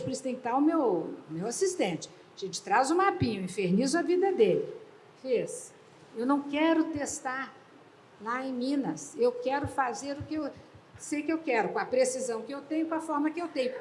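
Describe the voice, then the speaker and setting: An older woman, an artist, talking about her work at an exhibition opening in an expressive, storytelling way. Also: high-pitched, a little hiss or hum. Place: gallery hall. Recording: roomy hall sound, faint ambience.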